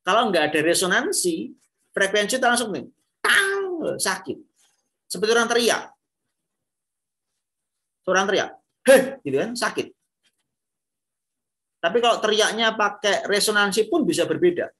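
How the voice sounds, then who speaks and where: A man's voice: high-pitched, animated, normal speed, pauses often, pushed and bright. A man giving a classroom lecture on singing, explaining step by step and posing rhetorical questions to his students. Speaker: music lecturer.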